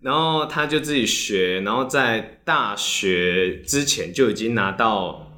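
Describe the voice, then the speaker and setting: A man with a Taiwanese Mandarin accent in a casual podcast chat, lively and quick to react and tease. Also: on the low side.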